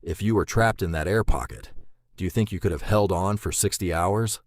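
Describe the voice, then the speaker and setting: Male narrator, very low voice, dry close sound, suspenseful scripted storytelling. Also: dry recording. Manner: measured, suspenseful delivery.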